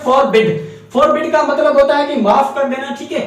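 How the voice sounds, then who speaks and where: A man's voice: extremely high pitch, moderate pace. A man from Pakistan giving a spelling lecture as a teacher, spelling words letter by letter and often asking "ठीक है?" to check understanding. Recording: echoey room, mic far off.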